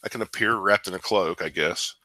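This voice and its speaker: A man playing in a tabletop game, animated and improvising casually. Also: deep voice, fairly quick, dry recording, low-quality recording. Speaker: player. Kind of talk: casual tabletop role-play.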